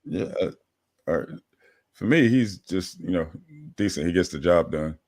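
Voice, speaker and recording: Male podcast host, low voice, relaxed hedging sports talk. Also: normal speed, dry recording. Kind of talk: casual sports chat.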